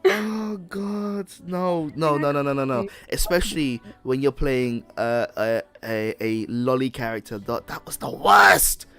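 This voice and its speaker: A man's voice: mid-range voice, expressive, unhurried, gravelly, few pauses, pushed and bright, faint music behind. A man hosting a casual podcast chat, rambling with repeated words and frequent laughs. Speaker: podcast host.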